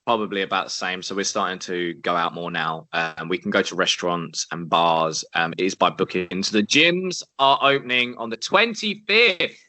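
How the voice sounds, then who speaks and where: Bright, chatty young man. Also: sits low, normal speed, few pauses, no room sound. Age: 20s. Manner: upbeat, chatty, encouraging. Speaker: podcast co-host. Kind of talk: casual chat. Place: at home, indoors.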